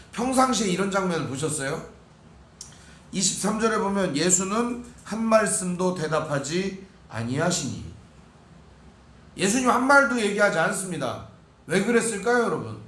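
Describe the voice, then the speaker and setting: A middle-aged male pastor with a high voice preaches a sermon in an echoey church sanctuary. He keeps turning to the congregation with questions. Now and then he slips into acting out the people in the text. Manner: acts out biblical speakers in quoted voices, shouting their pleas. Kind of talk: expository sermon.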